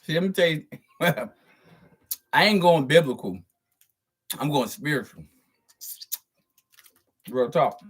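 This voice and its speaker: A man's voice: a little high, expressive, slow pace, pauses often, husky. A man hosting his channel, giving a profane spiritual monologue to viewers, stressing and drawing out words and chuckling between points. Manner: profane, preachy, emphatic. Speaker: channel host.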